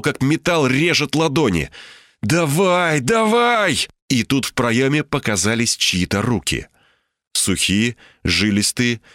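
Guy reading a tense story out loud, dramatic, pitch all over the place, dry recording. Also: dry recording. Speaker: narrator. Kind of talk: first-person audiobook narration.

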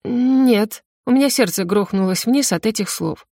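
A woman narrating an audiobook in the first person, in a mid-range voice. The delivery keeps a steady tension. The recording is dry with no room sound. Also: medium pitch, fairly quick, vocal fry, dry recording. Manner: tense first-person storytelling.

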